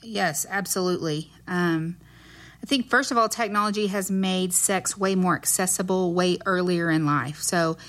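A woman's voice: on the low side, moderate pace, a bit bright. A woman with a West Texas accent speaking as a nurse guest in an interview, explaining earnestly and choosing her words carefully.

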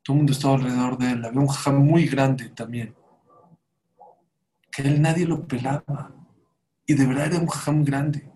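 A man's voice: medium pitch, normal speed, long pauses. A man giving a sermon, telling stories and acting out the voices of the people in them. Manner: animated storyteller, acts out quoted voices. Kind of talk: sermon with storytelling.

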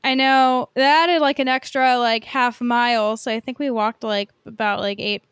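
Casual and conversational, an American podcast host keeps slipping "like" into her speech. She speaks a bit high with a steady tone at normal speed, and her voice is slightly bright and clean in a dry recording.

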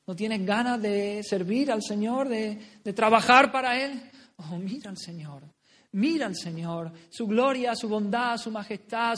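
A man from preaching a sermon in a fervent, pleading way, full of exclamations. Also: high-pitched. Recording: long hall reverb.

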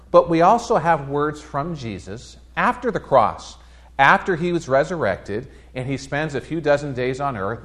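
A man preaching a sermon in a church, telling a story conversationally with lively quoted voices. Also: medium pitch. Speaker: pastor. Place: church sanctuary.

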